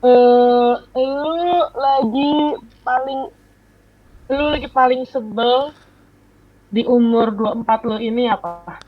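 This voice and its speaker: A woman's voice: fairly high pitch, fairly even intonation, takes it slowly, narrow, tinny audio. A 25-year-old woman co-hosting a podcast, chatting and venting casually late at night, with English phrases mixed in. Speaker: podcast co-host.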